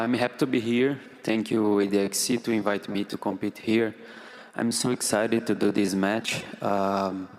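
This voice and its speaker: A man from Brazil, an athlete giving short, halting remarks in simple English at a press conference. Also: lowish voice. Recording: echoey hall reverb.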